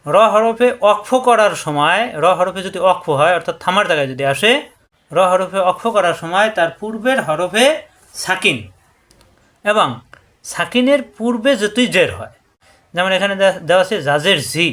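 A man teaching Quran reading rules. He explains step by step, and he drills syllables slowly and over again. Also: high voice, a bit bright. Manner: slow, repetitive drilling of syllables. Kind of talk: tajweed lesson.

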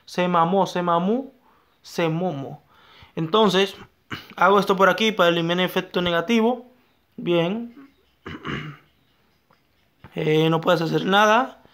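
A young man giving excitable live gameplay commentary, talking to himself and his viewers and repeating his phrases. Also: high-pitched, takes it slowly, long pauses. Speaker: gaming YouTuber.

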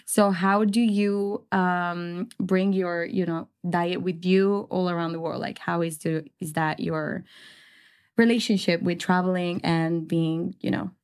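A woman's voice: lowish voice, steady tone, measured pace, darkish tone, clear, resonant tone. A young woman with an Italian accent hosting a podcast, asking loose, chatty questions and often restarting them. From Italy. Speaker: podcast host. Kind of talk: casual conversational interview.

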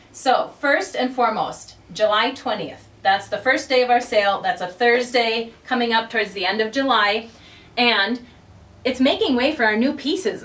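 Upbeat woman pitching a boutique sale. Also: fairly bright tone, recorded from a distance. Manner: upbeat and chatty, addresses viewers directly. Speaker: boutique owner presenting a sale. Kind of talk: casual promotional talk. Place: inside a clothing boutique.

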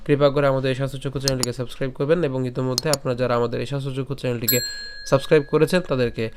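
A man teaching how to pronounce and recite a Sanskrit verse, patiently breaking the words into syllables and repeating them slowly. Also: medium pitch, little pitch movement, background noise. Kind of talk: pronunciation lesson with slow chanted recitation.

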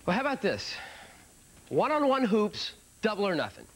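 A man's voice: high-pitched, wildly swooping pitch, moderate pace, a bit bright, a little hiss or hum, exaggerated voice. An actor playing an exasperated young man begging a friend to let him off a bet, in a sitcom. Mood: pleading. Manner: pleading, exasperated. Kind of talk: sitcom acting.

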